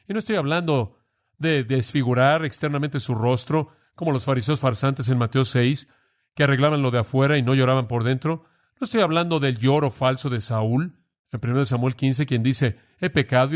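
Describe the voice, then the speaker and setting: A man preaching a sermon, earnest and pressing, asking the listeners direct questions. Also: medium pitch.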